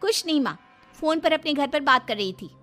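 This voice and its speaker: Woman putting on conceited high-voiced young bride. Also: animated, brisk, bright, forceful tone, soft background music. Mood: affected politeness. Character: sly, conceited educated young daughter-in-law, resentful of chores.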